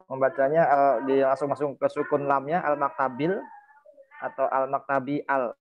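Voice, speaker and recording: A man's voice: mid-range voice, flat delivery, moderate pace, dull audio, soft background music. Polite male student on a call. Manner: polite, hesitant questions. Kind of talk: asking a question in class.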